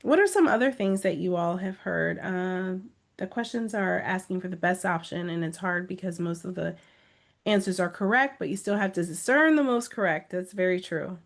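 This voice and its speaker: A woman with a fairly low-pitched voice speaks at normal speed, coaching test-takers over a live video webinar. A native English speaker, she reads comments aloud and urges viewers on, encouraging and pleading with emphatic repetition.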